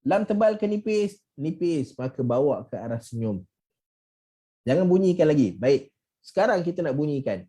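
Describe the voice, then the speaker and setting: Malaysian male tajwid teacher, mellow tone, patient, repeats drill words. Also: a little high, big pitch swings, normal speed, breathy edge. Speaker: Quran recitation teacher. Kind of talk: online tajwid lesson.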